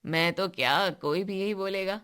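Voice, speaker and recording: A woman voicing a teasing teenage boy in a cartoon story, loud and mocking. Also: mid-range voice, normal speed, clean tone, lightly acted.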